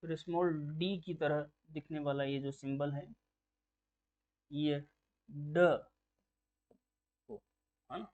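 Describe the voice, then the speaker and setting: A man's voice: on the high side, fairly even intonation, slow pace, long pauses, a little mellow. A man teaching a phonetics lesson for exam preparation, explaining patiently and repeating key terms as questions to drill them. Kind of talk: exam-prep lecture. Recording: dull lo-fi recording.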